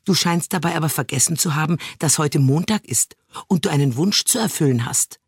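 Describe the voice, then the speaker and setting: A man voicing a grumbling, nagging male fairy companion in a children's storybook, gruff and scolding. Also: on the high side, animated, brisk, no room sound, studio quality.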